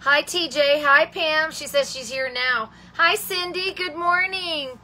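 A woman runs a live craft stamping show, greeting viewers by name and calling them sweetheart and honey as she chats. Her delivery rambles with frequent ums and restarts, and her high-sitting voice is unhurried, pushed and bright.

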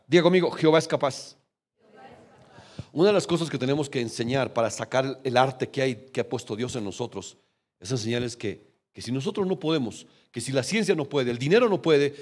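Animated male pastor preaching. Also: mid-range voice, husky. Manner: animated storytelling, often calling the congregation brother. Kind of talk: sermon. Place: church.

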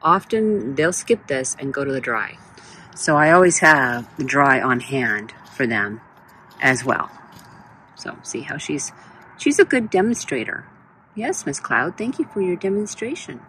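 In this casual vlog, a woman walks her backyard chicken run with a handheld phone, staying off screen and talking chattily, with a high, playful voice saved for her hens. Her delivery is measured and lively, a bit bright, over a rough recording with slight hiss or hum.

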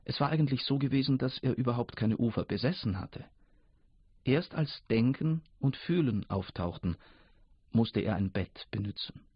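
A man narrating a fable in a measured storytelling reading for radio, in a dull lo-fi recording. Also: mid-range voice, animated, slightly rough, no echo.

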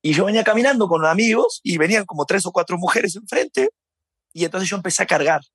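A husky Uruguayan man with a fairly high voice recounts his stories in a casual interview. He is animated, laughs often and acts out his shouts, and the recording is dry and close. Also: fast, no room sound. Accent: Uruguayan Spanish. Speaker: interview guest.

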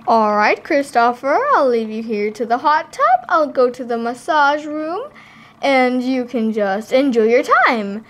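A kind, busy father reassures his young son in a doll play story, with a woman voicing him. He speaks slowly and gently, in a voice that stays fairly high and lively. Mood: calm.

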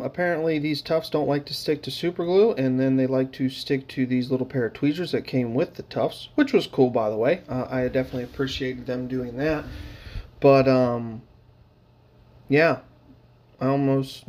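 A man's voice: mid-range voice, normal speed, a little mellow. A man casually narrating his hobby painting footage, rambling with lots of fillers and dry, sarcastic humor.

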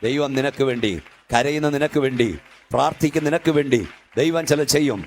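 An older man preaching a sermon as pastor in a church hall, with fervent repeated calls that build up to shouting. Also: a little high, a little fast, a little hiss or hum.

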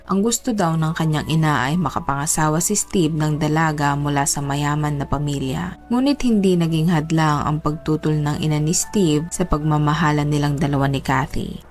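Low-voiced woman narrating a crime story. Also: darkish tone. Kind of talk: scripted true-crime narration. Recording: faint music underneath.

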